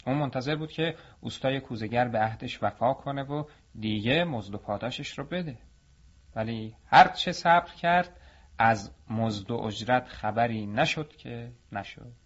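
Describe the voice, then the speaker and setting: A male storyteller narrates a folk tale and now and then speaks directly to his listeners. His voice sits at a medium pitch. The recording is muffled and lo-fi. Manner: addresses listeners warmly as dear ones.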